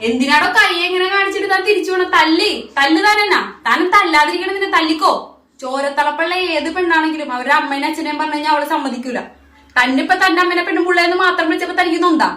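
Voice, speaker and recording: A wronged young wife, played by a woman, who demands answers in a heated, accusing voice. Her tone is high and bright. The sound is roomy and distant. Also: fast. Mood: indignant. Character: angry young wife confronting a cheating husband. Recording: echoey room, voice off-mic.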